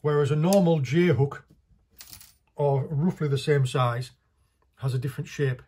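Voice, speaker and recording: A man's voice: a little high, unhurried, mellow, slightly rough. A man, casually talking through a hands-on fishing tutorial while he works, in a small indoor workshop. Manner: chatty, practical, talks while working with his hands.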